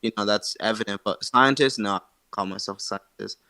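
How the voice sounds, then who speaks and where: A man's voice: lowish voice, fairly quick, vocal fry, bright, forceful tone. A man taking part in a casual voice-chat discussion, rambling with many fillers. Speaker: participant.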